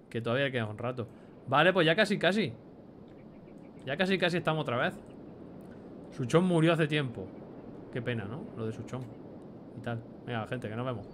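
A man's voice: medium pitch, a bit bright, slight background noise. Chatty Spanish man narrating gameplay. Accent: Spain Spanish. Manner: chatty, swears casually, reads item names aloud. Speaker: gameplay commentator. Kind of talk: let's play commentary.

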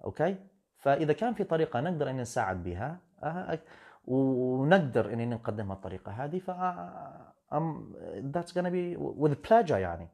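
A man's voice: on the high side, sing-song, moderate pace, gravelly, darkish tone. A man, an English teacher talking on a live stream, firm and lecturing, slipping into English now and then. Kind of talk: live-stream talk answering comments.

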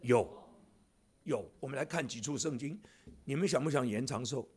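A man's voice: mid-range voice, moderate pace. A man in his seventies, a church elder, preaching a sermon in a church with jokey asides to the congregation. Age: 70s.

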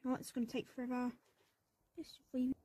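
A woman's voice: sits high, monotone, moderate pace, mellow, slightly rough. A woman narrating a playful game vlog, adding silly sound effects and baby talk. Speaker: game vlogger.

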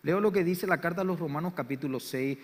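A man with a Paraguayan Spanish accent preaching a sermon as pastor, swinging between loud, fervent declarations and quiet, low lines. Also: quick pace. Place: church sanctuary. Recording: church hall reverb.

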